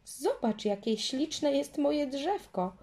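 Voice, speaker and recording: An eager, proud little girl from a storybook, voiced by a woman reader. Her voice sits high above the reader's own and bubbles with excitement. She sounds like a child eager to show off her find. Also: a little slow.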